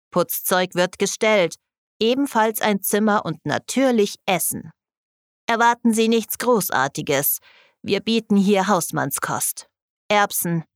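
A woman reading an audiobook, voicing an eerie old man who speaks slowly, formally and without emotion. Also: medium pitch, no echo, studio quality. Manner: slow, measured, deadpan.

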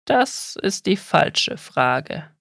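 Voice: medium pitch, very animated, fairly bright tone, dry recording, studio quality, exaggerated voice. Narrator doing a guttural, riddling giant turtle. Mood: wise. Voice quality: guttural, rasping. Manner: slow, unhurried, grumbling.

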